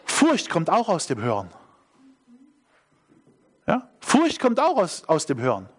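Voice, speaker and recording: A man's voice: fairly high pitch, huge pitch swings, slow pace, breathy edge. A middle-aged man preaching a sermon, emphatic, repeating key phrases and asking the congregation questions.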